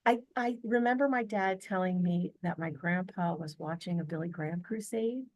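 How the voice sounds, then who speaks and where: A woman's voice: fairly low pitch, normal speed, darkish tone, dry recording. An American woman, a podcast guest, telling a family story in an earnest, chatty way, full of fillers and restarts, over a video call. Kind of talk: casual storytelling interview.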